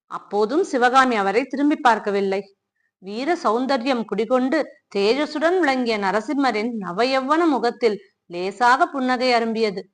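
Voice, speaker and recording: Woman telling a Tamil story. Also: on the high side. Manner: steady, expressive narration. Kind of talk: reading a novel aloud.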